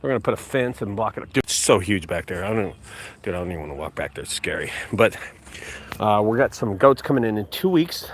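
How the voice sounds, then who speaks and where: Outdoors on open rural property, a junk removal business owner in his forties talks fast in a lowish voice during a casual vlog walkthrough. He's relaxed and chatty, calls people "dude," and the audio carries slight background noise.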